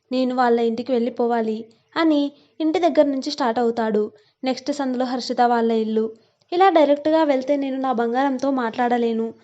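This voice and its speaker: A woman narrates a family story with calm, clear delivery. Her voice is high and mellow. The recording is slightly dull and lo-fi.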